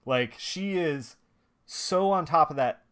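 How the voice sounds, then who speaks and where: A man's voice: a little high, expressive, takes it slowly, a bit bright. A man hosting a live stream, chatting casually in a rambling way with many restarts and filler words. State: watery eyes, sniffly. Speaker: streamer and comic colorist host.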